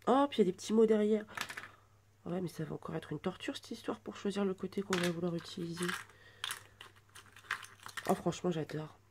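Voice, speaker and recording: A woman in her twenties chatting through an unboxing at home, gushing with soft exclamations. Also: fairly low pitch, brisk, pauses often, background noise. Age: 20s. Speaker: vlogger unboxing a birthday gift. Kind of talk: casual unboxing chat.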